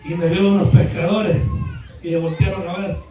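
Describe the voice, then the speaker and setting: High-voiced pastor in an echoey church. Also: male voice, little pitch movement, a little fast, a faint crowd, slight background noise. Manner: folksy storytelling, rising to shouted exhortation. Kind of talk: sermon. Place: church sanctuary. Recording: echoey church hall, mic at a distance.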